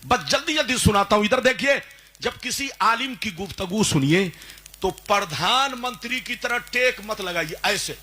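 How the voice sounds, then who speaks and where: Preaching an Islamic sermon before a live gathering, the man sounds animated yet unhurried, his voice high. He keeps pressing the crowd to shout back their answers and now and then breaks into chanting.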